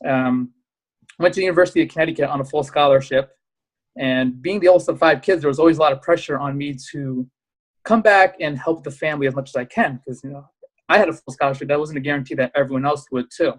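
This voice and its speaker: Male guest, 30s, born in Pakistan. Quick, eager talker, a bit high, lots of fillers. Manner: animated, rapid storytelling with fillers. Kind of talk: casual interview chat.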